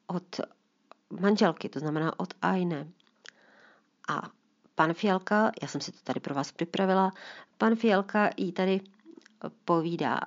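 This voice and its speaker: A woman's voice: on the low side, lo-fi sound. A woman author talking about her book and reading from it aloud, chatty and explaining. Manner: chatty, explaining, lively emphasis. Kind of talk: storytelling talk and reading aloud.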